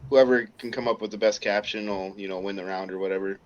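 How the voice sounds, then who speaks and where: A man joining a casual livestream chat as a guest, dry and deadpan, with hesitant ums. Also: lowish voice, fast talker, lo-fi sound.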